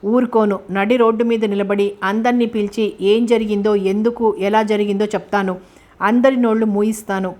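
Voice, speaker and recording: A woman voicing a fiery, defiant young woman who answers in sharp, indignant outbursts, in a storybook reading. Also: mid-range voice, fairly even intonation, moderate pace, natural voice. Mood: furious.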